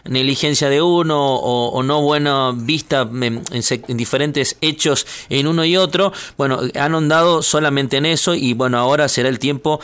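A man's voice: medium pitch, normal speed, hardly any pauses, fairly bright tone, clear, resonant tone. A man with an Argentine Spanish accent hosting an interview, talking fluently with frequent "eh" fillers. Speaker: interviewer host. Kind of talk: interview questions.

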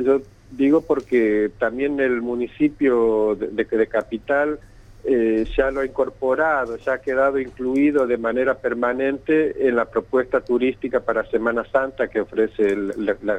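A man's voice: medium pitch, fairly even intonation, moderate pace. Man over a bad phone line. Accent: Santiago del Estero Argentine Spanish. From Santiago del Estero, Argentina. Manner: hesitant, repeats words often. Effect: bad phone connection. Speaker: event organizer. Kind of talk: phone-in radio interview. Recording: tinny, choppy phone line.

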